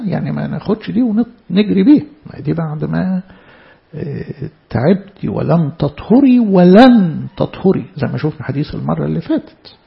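A man with an Egyptian Arabic accent teaches from the Bible in a chatty, questioning way. His voice is strongly gravelly and sits a little high. The recording sounds dull and lo-fi. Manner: conversational, asks rhetorical questions. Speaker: preacher.

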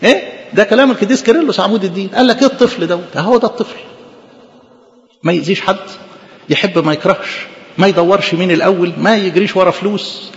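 A man with an Egyptian accent preaching a sermon in an animated, conversational way, full of rhetorical questions. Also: high-pitched, fast, big-room sound, dull audio. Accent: Egyptian Arabic.

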